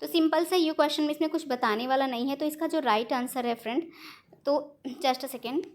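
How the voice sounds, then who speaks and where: A woman's voice: high-pitched, a little fast. A woman teaching an online exam-prep lesson, explaining step by step in Hindi mixed with English terms and correcting herself as she goes.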